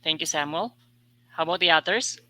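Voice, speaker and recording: Webinar moderator: man, very bright sharp tone, dry close sound, halting with fillers. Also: a little high, dry recording, rough recording. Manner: hesitant, many fillers between phrases. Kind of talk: hosting a webinar.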